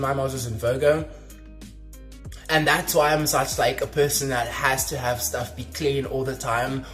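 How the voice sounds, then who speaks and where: A young man chatting casually on his vlog, rambling with lots of fillers while he eats. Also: mid-range voice. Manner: talking while eating. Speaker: vlogger. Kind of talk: casual mukbang chat.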